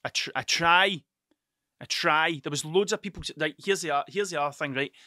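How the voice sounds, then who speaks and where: A man's voice: a little high, fairly quick, pushed and bright, dry recording, clean studio sound. A tired man rambling through a solo podcast, swearing often and stuttering over his words. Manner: sweary, stuttering, restarts sentences. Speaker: podcast host and mural painter.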